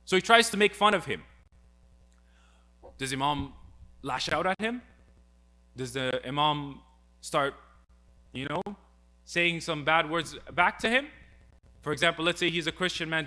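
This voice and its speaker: A man's voice: fairly high pitch, sharp tone. A young man giving a religious talk, earnest and full of rhetorical questions as he retells a story. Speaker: speaker.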